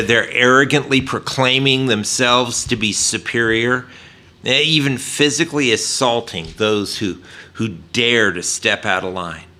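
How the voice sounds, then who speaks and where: Earnest bright-voiced male preacher. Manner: earnest preaching with frequent "uh" fillers, dropping low and soft for emphasis. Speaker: pastor. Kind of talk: sermon.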